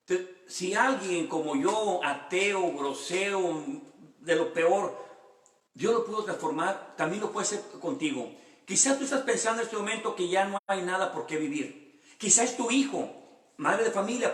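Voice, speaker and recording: A man's voice: high-pitched, fairly bright tone, reverberant. A man, a pastor giving a sermon with his own testimony, earnest and repeating phrases for emphasis. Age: 50s.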